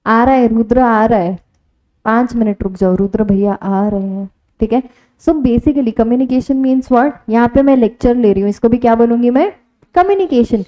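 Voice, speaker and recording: An Indian woman teaches a live online class, slipping between Hindi and English as she quizzes her students. Her voice sits a bit high. The stream sounds dull and lo-fi. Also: normal speed.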